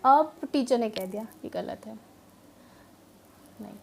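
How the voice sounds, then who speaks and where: Woman teacher, high voice, earnest explaining to parents, lots of ums, slight background noise. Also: expressive, creaky, darkish tone. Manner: earnest, mixes English words into Hindi, frequent filler pauses. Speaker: educator.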